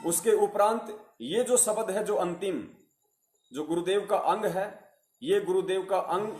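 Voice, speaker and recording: A man's voice: sits high, a little mellow. Guy preaching a devotional sermon, earnest, keeps repeating himself, echoey. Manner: earnest, repetitive, addresses listeners as virtuous souls.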